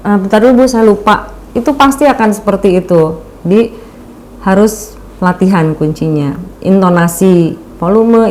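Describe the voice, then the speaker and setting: A woman's voice: on the low side, a little mellow, slight background noise. A woman giving a casual webinar talk on presentation skills, chatty and full of fillers, often acting out little examples. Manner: chatty, uses many fillers and acts out examples.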